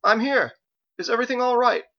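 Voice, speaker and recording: A man's voice: very high-pitched, brisk, dull audio, voice pushed up. A man voicing an absent-minded, scholarly man who sounds eager and apologetic.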